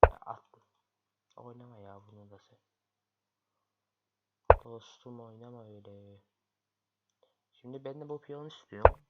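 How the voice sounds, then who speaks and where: A man's voice: mid-range voice, steady tone, unhurried, pauses often. A man commentating his own online chess games, grumbling and muttering in frustration at his opponent. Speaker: chess streamer. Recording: lo-fi, loud background noise.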